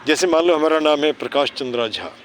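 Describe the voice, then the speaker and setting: A man's voice: fairly high pitch, expressive, brisk, a little hiss or hum. A man casually teaching children outdoors near a city park, mixing English words into his talk, reciting rhyming slogans and checking understanding with constant tag questions. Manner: mixes English words and phrases into Hindi. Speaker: neighbourhood cleanliness volunteer teaching children.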